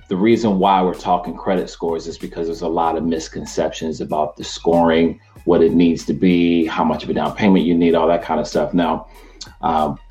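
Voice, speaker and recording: A middle-aged man hosting a casual talk show to camera, chatty and energetic. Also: sits low. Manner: energetic, chatty, laughs easily. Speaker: host, mortgage professional.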